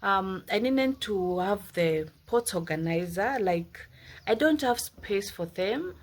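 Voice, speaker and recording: A woman's voice: medium pitch, lively intonation, takes it slowly. A woman, talking casually to her viewers in a rambling, chatty home vlog and calling them "guys" often. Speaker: vlogger.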